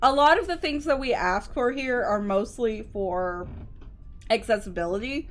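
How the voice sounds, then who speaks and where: At her indoor computer streaming setup, a woman livestreamer chats casually with her co-host and viewers and explains things politely. Her voice is a little high, with a moderate pace.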